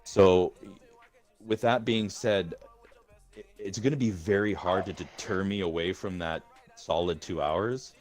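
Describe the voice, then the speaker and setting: Low-voiced, rambling, profane man. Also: a little slow, darkish tone, soft background music. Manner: rambling and profane, with many restarts. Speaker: gaming community leader. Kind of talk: casual voice-chat talk.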